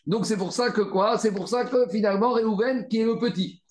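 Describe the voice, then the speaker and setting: A man teaching a Talmud study class, animated and repetitive, rallying his students with frequent asides. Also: sits high, brisk. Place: study room with students, also streamed on video call. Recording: echoey room.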